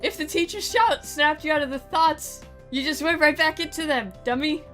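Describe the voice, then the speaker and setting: This game commentator reads a visual novel in a dramatic style and layers on sarcastic, playful remarks. She speaks high-pitched at a moderate pace with a fairly bright tone, and faint music plays behind her.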